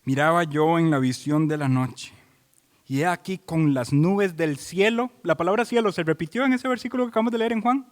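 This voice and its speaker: A man delivers an expository sermon in a notably high voice. He preaches emphatically, stacking repeated phrases and turning to the congregation with questions. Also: fairly quick, big-room sound. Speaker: pastor.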